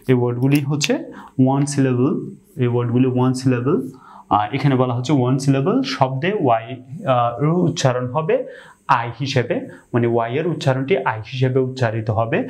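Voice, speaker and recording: A man with a Bangladeshi accent giving an explanatory online lesson on English pronunciation, often pausing with "ah" and repeating example words slowly. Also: mid-range voice, a little mellow.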